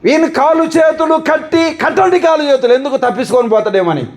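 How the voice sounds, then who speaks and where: A man's voice: very high-pitched, fairly quick, low-quality recording. A man pastor preaching a sermon into a microphone, with rhetorical questions and repeated lists. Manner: rhetorical questioning, repetitive listing. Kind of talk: Telugu sermon with congregation call-and-response.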